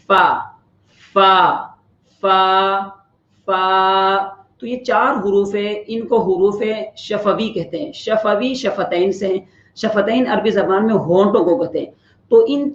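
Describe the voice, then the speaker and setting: Quran pronunciation teacher, mid pitch, patient and explanatory, holds demo letters long; dull lo-fi recording. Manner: patient explaining, drawing out each letter slowly to demonstrate. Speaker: tajweed teacher. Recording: roomy, slightly dull lo-fi recording.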